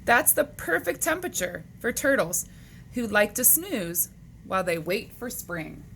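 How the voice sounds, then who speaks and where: Reading a picture book to young children, this female storyteller has a mid-range, creaky voice and a measured pace. She swoops expressively through her lines, unhurried, asking and answering questions for little listeners, on a slightly noisy recording.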